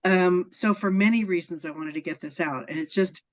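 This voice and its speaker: A woman's voice: lowish voice, normal speed. A woman being interviewed, telling personal stories in an earnest, enthusiastic way and laughing often. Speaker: interview guest. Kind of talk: casual storytelling interview. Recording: dull lo-fi sound.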